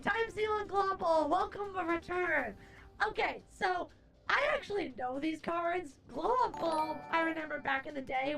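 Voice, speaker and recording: Very high, creaky woman streamer, playful horror-host flair. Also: fairly bright tone. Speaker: livestream host, VTuber-style streamer. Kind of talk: theatrical horror-host greeting turning to casual stream chat. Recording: music behind the voice.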